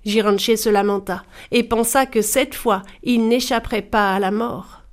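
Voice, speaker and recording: A woman narrating a folk tale in a calm, measured storybook manner. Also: on the high side.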